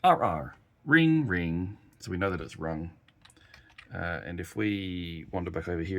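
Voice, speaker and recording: A man with a low-pitched voice and vocal fry runs a casual live technical demonstration, hesitantly thinking out loud while he works at the keyboard. In the noisy room you can hear him typing and clicking at a workbench.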